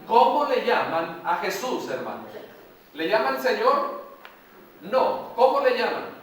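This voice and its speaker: Slow, high-voiced preacher in an echoey hall. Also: male voice, big pitch swings, fairly bright tone, recorded from a distance. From Mexico. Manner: slow, emphatic preaching with repetitions and questions to the congregation. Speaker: pastor. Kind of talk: sermon. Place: large church hall.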